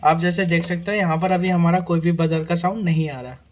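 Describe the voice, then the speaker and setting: A man's voice: on the high side, steady tone, brisk, a little hiss or hum. A man hosting a repair tutorial, walking through each test step by step and often checking in with "guys" and "theek hai na". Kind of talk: casual hands-on repair demonstration.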